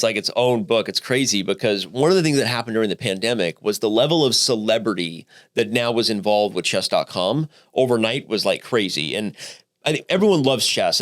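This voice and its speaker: Guy in his 30s telling a wild story on a podcast, swears a lot, keeps restarting sentences, gets excited. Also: mid-range voice. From Arizona, United States. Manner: animated, profane, many fillers and restarts. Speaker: podcast guest. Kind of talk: casual storytelling interview.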